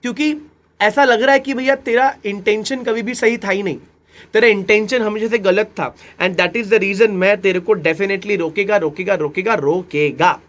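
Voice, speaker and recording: Animated man lecturing on law. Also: sits high, normal speed. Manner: animated, repeats key phrases, addresses students directly. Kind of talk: exam-prep lecture.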